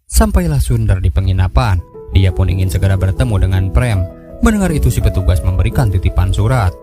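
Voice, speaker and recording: Low-voiced man narrating over music. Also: big pitch swings, brisk. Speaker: film recap narrator. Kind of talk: scripted storytelling narration. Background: background music.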